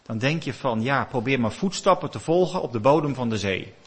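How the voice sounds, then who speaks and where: A man preaching a sermon, telling a story with animated rises and drops in his voice. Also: medium pitch, brisk, breathy edge.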